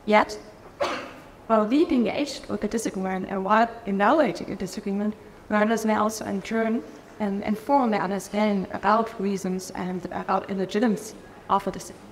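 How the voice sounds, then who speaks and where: In a reverberant conference hall, a woman from Germany delivers a keynote on a research framework from the lectern. Her mid-range voice moves fairly quickly with fairly even intonation, cautious in manner and marked by restarts and fillers. The recording has faint ambience and a little hiss or hum.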